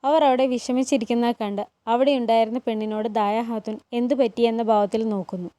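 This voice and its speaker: Woman retelling a tv drama, high voice, dry close mic, steady storytelling. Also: quick pace, dry recording.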